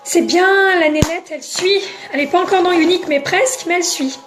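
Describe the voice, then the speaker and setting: A woman's voice: extremely high pitch, a little fast, faint music behind. A French-speaking woman selling makeup on a casual live stream, chatting and answering viewers by name.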